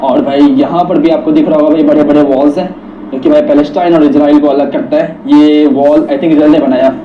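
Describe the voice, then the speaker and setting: A man in his twenties with an Indian accent narrates a casual travel vlog while walking outdoors through the streets, chatting and calling viewers "bhai," or brother, often as he switches between Hindi and broken English. His voice is fairly high, steady, and brisk. The audio is echoey, distant, and dull, with faint noise.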